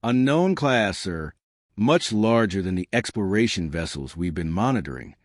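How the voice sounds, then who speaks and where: A man's voice: sits low, animated, normal speed, no room sound, clean studio sound. A man voicing a formal, uneasy alien male tactical officer reporting to his commander in a sci-fi story.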